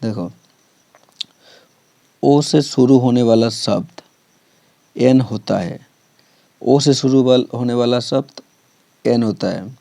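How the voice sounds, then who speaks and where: A man's voice: medium pitch, takes it slowly, creaky, long pauses, warm tone, no room sound. A man teaching English grammar, explaining step by step, repeating points and often checking whether students have understood. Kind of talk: classroom explanation.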